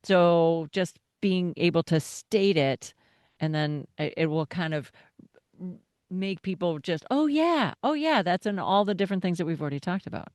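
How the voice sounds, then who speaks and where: A woman's voice: on the low side, normal speed, darkish tone, clean tone, no echo, clean studio sound. A woman hosting an interview podcast in an upbeat, encouraging way. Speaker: podcast host.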